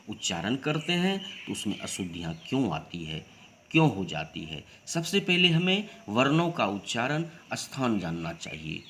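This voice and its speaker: A man with a low voice teaches a school grammar lesson. His pitch rises and falls a lot. He talks slowly and firmly, putting questions to the class and answering them himself, over a faint background hiss. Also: a bit bright. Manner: slow, emphatic, rising question-and-answer delivery.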